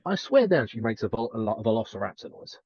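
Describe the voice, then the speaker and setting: A podcast co-host with Welsh heritage and family on the south coast chats casually, rambling and hesitant, with lots of fillers and restarts. His lowish voice is very animated and quick, a little mellow with a breathy edge. There's no room sound and the highs are cut off.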